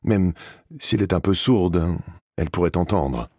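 A man reading an audiobook, voicing an older noblewoman who speaks slowly and emphatically. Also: sits low, dry recording, studio quality, pitched above the performer's own voice. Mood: caring. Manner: slow, emphatic, loud. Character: older spinster noblewoman, caring and firm.

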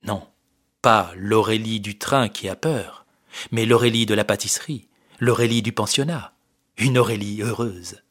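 A man narrating an audiobook story in a clear, measured storytelling voice. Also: lowish voice, a bit bright.

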